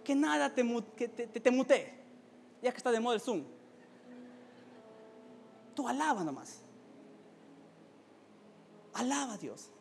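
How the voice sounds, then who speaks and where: A pastor preaching a fervent sermon, building to shouted exclamations and often repeating words as he stumbles. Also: very high-pitched, sing-song, unhurried, creaky, long pauses, slight background noise.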